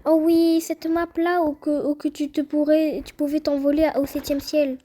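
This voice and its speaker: A young woman giving chatty, excitable gameplay commentary and talking straight to her viewers. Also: sits high, normal speed. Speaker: gaming youtuber.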